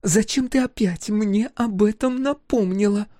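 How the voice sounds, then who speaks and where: A woman's voice: medium pitch, unhurried, mellow, dry recording, studio quality, voice pushed up, lightly acted. A man voicing a fierce, bitter young woman scientist whose voice breaks in anger. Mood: anguished. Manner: cutting, angry, voice breaking.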